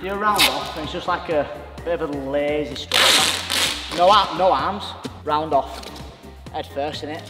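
A man's voice: fairly high pitch, a little slow. A young man gymnast hosting a casual training vlog, upbeat and plain as he explains his moves. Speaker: gymnast and channel host. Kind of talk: casual chat while training. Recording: echoey hall with music behind.

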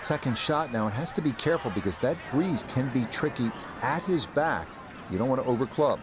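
A man playing a golf commentator in a video game, giving measured, appreciative play-by-play. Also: medium pitch, animated, noisy background, natural voice.

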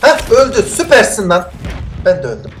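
A gameplay streamer commenting live, swinging between shouted bursts and muttered asides, joking around with mock-Italian phrases. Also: medium pitch, wildly swooping pitch, moderate pace, slight background noise.

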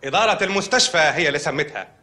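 An actor playing a matter-of-fact hospital doctor with an Egyptian accent in a TV comedy sketch. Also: male voice, fairly high pitch, expressive, rapid-fire, pushed and bright. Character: deadpan hospital doctor breaking odd news.

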